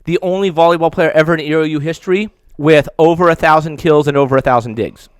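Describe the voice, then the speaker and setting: A man's voice: fairly high pitch, clear, resonant tone, no room sound. Struggling man, mouth burning from spicy food. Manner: halting, stammering. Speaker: sports editor, guest. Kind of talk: casual sports talk.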